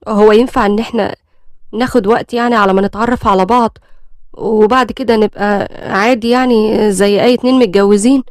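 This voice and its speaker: A shy young bride speaking in Egyptian Arabic, soft and hesitant, polite and a little nervous, as a woman voices her. She talks quickly in a dry, close sound. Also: mid-range voice, fairly even intonation, dry recording, natural voice.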